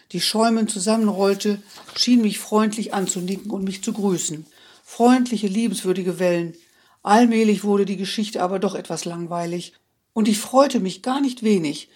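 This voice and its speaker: Husky, expressive audiobook reader. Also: mid-range voice. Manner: expressive, wistful first-person reading. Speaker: audiobook narrator. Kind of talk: literary audiobook reading.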